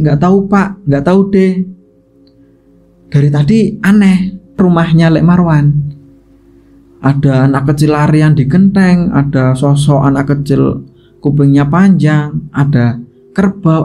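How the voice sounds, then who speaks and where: A man's voice: a little high, unhurried, long pauses, mellow, soft background music. A man playing a flustered young village man who repeats himself, in a told ghost story.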